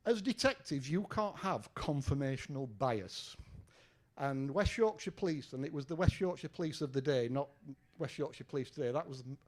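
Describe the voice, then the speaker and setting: A man's voice: fairly high pitch, expressive, normal speed. An older English man, a retired detective, giving a conversational lecture with fillers and questions to the audience. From England. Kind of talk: lecture presentation. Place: lecture room.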